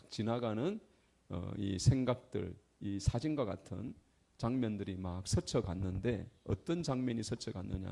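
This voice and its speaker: A middle-aged man preaches a testimony sermon in a Gyeongsang accent. His voice has a gravelly edge. He tells his story emphatically, rising to loud bursts and dropping into quiet asides. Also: on the low side. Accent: Gyeongsang Korean. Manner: emphatic storyteller, swings between loud outbursts and soft asides. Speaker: traveling minister.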